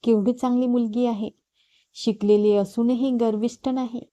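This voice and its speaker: A woman narrator voicing a dignified older matriarch of a family who speaks in a gentle, measured way in a storybook reading. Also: a little high, steady tone, dry recording, close to an everyday voice. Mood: fond.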